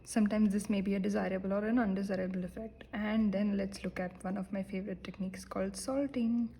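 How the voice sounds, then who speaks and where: Mellow-voiced woman teaching painting. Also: mid-range voice, fast talker, poor audio. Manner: relaxed, self-deprecating, many fillers, drops into soft whispered asides. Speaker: art teacher. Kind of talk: casual painting tutorial.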